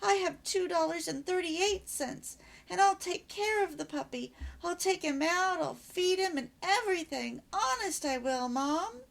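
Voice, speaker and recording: An eager little girl begs in a high, lively, earnest voice, as a woman reading a storybook puts her on. The pitch bounces up and down with a slight gravel underneath. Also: a little slow, few pauses, heavily acted. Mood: pleading. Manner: earnest, pleading. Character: eager young girl pleading.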